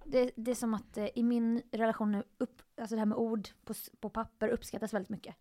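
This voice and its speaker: Podcast guest, woman, fairly high voice, playful and chatty with quick asides. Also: flat delivery, dark tone. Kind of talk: casual joking chat.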